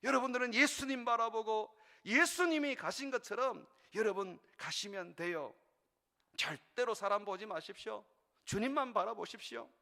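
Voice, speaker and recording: A middle-aged male pastor preaching a sermon in earnest, rising to urgent peaks and dropping to quiet, intimate passages. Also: high-pitched, moderate pace. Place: church sanctuary. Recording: long reverb of a large church hall.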